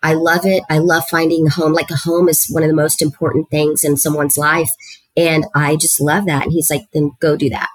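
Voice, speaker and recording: On an interview podcast, a middle-aged guest from South Texas who works as a student housing executive talks fairly quickly about her career. Her low-pitched voice holds a level tone, and she is sincere and talkative with lots of fillers. The recording is dry and low in quality.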